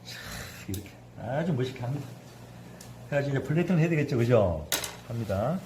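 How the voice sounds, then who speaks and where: A man's voice: medium pitch, expressive, fast, background noise. A man in his fifties, a cooking instructor giving a hands-on sushi demonstration, chatty and constantly asking his class to agree.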